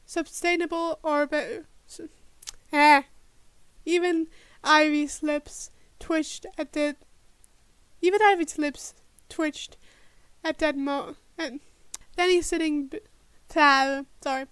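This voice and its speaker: A podfic reader with a high, fairly bright voice informally rehearses a read-aloud, working through the text at an unhurried pace. She often stops and restarts, mutters to herself, and tests pronunciations, her intonation fairly even. The sound is close and dry, with no room sound.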